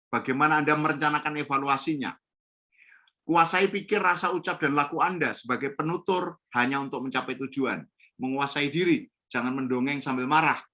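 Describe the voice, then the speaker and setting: A man's voice: mid-range voice, pushed and bright. A middle-aged man training teachers in storytelling over a video call from home, explaining in an instructive way and often repeating key points with a tag "ya". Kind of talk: online training webinar.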